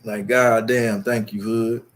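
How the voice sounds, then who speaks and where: A young man with a lowish voice and a Chicago accent streams on YouTube, speaking slowly in a level tone. He rambles directly at his audience, bragging and swearing through a long monologue.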